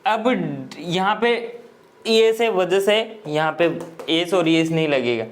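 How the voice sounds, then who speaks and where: Teaching English grammar through Hindi, a man with a high-sitting voice and lively intonation walks students through each step. He explains slowly and repetitively, frequently making sure they understand.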